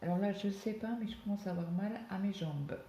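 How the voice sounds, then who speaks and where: Chatty woman with a gravelly, mellow voice. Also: mid-range voice, a little fast, highs cut off, a little hiss or hum. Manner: rambling, chatty storytelling with many asides. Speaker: cross-stitch vlogger. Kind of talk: casual chat while stitching.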